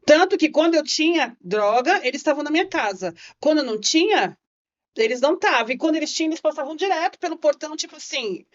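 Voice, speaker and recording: A woman's voice: high voice, expressive, fast. São woman telling her story vividly. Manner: vivid storyteller, acts out quoted voices. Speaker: podcast guest. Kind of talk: personal testimony in a podcast interview. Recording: slightly muffled podcast audio.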